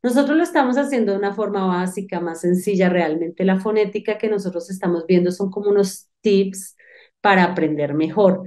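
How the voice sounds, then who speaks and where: A woman's voice: mid-range voice, fairly quick. A woman teaching an online English phonics lesson, talking straight to the student and thinking aloud as she goes. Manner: lively, talks directly to the student, thinks aloud.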